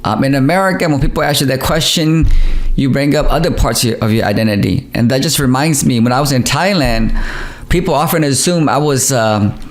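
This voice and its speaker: A man's voice: mid-range voice, a little fast. A man hosting a podcast, asking questions and affirming his guest in a reflective, conversational way, repeating a word here and there. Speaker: podcast host. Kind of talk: conversational interview.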